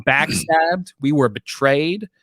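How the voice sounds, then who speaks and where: A man co-hosting a tech podcast in casual chat, animated and self-mocking. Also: fairly high pitch, slow, no echo, clean studio sound. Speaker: podcast co-host.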